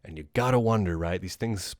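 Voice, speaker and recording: A man's voice: low voice, fairly quick, no echo, studio quality. A man hosting a podcast, chatting casually about a film in a rambling way, with lots of fillers, restarts and casual swearing. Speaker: podcast host.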